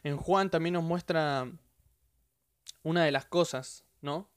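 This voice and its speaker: A man with a Rioplatense Spanish accent preaches in an earnest, emphatic podcast teaching and repeats key phrases for weight. His voice sits a little high for a man. The recording is dry, with no room sound. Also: slow pace, clear, resonant tone, no echo.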